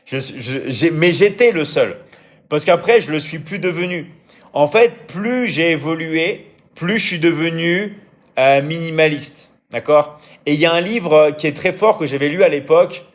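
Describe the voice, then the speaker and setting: A man's voice: on the high side, normal speed. Hesitant man chatting live with viewers. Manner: hesitant, frequent fillers and restarts, keeps checking in with the audience. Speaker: live-stream host and coach. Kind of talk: casual live chat answering viewer comments.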